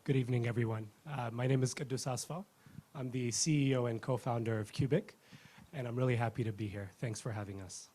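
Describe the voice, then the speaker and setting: A man in his thirties from Ethiopia, giving a rehearsed pitch as a company founder in an earnest, fluent way. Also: steady tone, brisk, dark tone, slight background noise.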